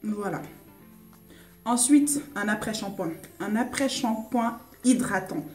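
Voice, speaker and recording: Young woman vlogger, informal, warm mellow tone, a bit distant from the mic. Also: mid-range voice, slow pace, soft background music. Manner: chatty, informal, many fillers and restarts. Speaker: beauty vlogger. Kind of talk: casual product review. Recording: echoey room, voice off-mic.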